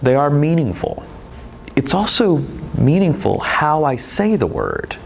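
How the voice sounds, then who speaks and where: A man's voice: on the high side, big pitch swings, unhurried, gravelly, a little hiss or hum, poor audio. A man teaching presentation skills in a video lecture, explaining expressively with demonstrations. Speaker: presentation instructor.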